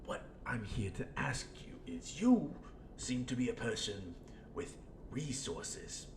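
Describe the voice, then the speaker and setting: A man's voice: sing-song, takes it slowly, creaky, full character voice. A man voicing a scheming, theatrical villain clown in an audio roleplay, rambling and sardonic with sudden swings between muttering and outbursts. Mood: persuasive. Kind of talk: in-character audio roleplay monologue. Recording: roomy echo, faint rumbling background noise.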